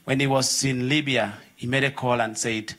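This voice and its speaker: A man's voice: medium pitch, steady tone, normal speed, a bit bright. A young man from Uganda, earnestly telling his personal story from a conference audience and acting out the voices of people in it. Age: young adult.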